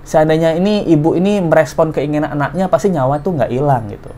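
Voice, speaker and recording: Animated man commenting. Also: fairly high pitch, fast talker, slight background noise. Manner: animated, exclaiming, voice jumps up and down. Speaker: commentary host. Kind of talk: casual online commentary, reading messages aloud.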